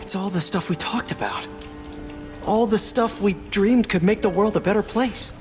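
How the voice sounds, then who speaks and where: A man's voice: high voice, normal speed, faint music behind, lightly acted. An actor playing a friendly, brainy young male science whiz in a video game, casual and earnest. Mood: eager. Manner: casual, earnest, musing to himself.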